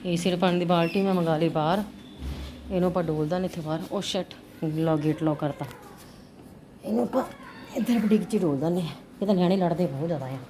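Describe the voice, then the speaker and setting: A mother filming her daily home vlog chats casually with viewers, often tossing in little tag questions to check in. She talks fast in a lowish voice as she moves around the house and partly outdoors, recorded handheld with plenty of noise.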